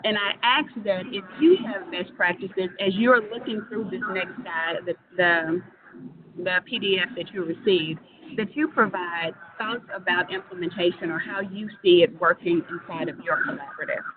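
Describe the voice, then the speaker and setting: A woman's voice: fairly low pitch, normal speed. Woman presenting through an echoing tunnel-like mic. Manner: polite, organized, steady explaining. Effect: hollow echoing tunnel sound on her mic. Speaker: webinar presenter. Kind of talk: presenting on a video call. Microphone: computer mic on a video call. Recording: phone-like narrow sound with faint noise.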